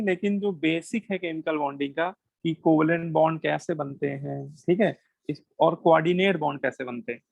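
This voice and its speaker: A man's voice: a little high, gravelly, dry recording, highs cut off. A man with an Indian accent teaches a chemistry class to students, asking questions and answering them himself, switching between Hindi and English. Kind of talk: classroom lecture.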